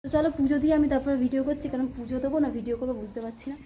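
A woman talks casually to her viewers on a handheld phone in a daily vlog, rambling and repeating herself. Her high-pitched voice is steady and mellow but races along, with a little hiss or hum in the recording.

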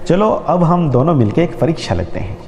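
A man voicing a calm, determined mother. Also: on the high side, normal speed, big-room sound. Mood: firm. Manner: calm, firm, resolved. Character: patient older mother testing her sons.

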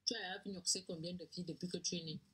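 Bright, husky woman, teasing and bossy. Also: lowish voice, steady tone, quick pace. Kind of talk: teasing casual chat.

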